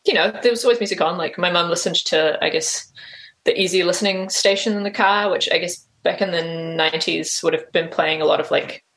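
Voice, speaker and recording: A woman from New Zealand answers interview questions casually as a guest, her lowish voice moving fairly quickly with a fairly bright tone. She sounds hesitant, and her speech is full of "like" and "um."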